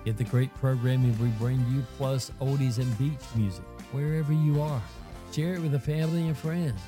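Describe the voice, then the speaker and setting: A man reading a station promo in a smooth radio announcer voice. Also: medium pitch, normal speed. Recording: clear music bed under voice.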